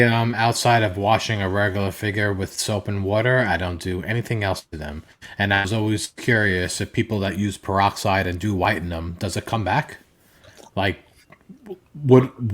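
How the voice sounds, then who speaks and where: Lowish guy on a video call, chill, kinda thinking out loud. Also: moderate pace. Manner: laid-back, wondering aloud. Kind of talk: casual chat.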